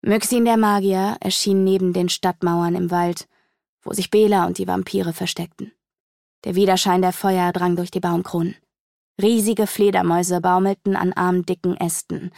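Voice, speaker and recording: A woman narrating a dark fantasy audiobook in a measured storytelling manner, slowing down for the tense moments. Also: lowish voice, steady tone, gravelly, dry recording, clean studio sound. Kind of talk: dramatic fantasy audiobook reading.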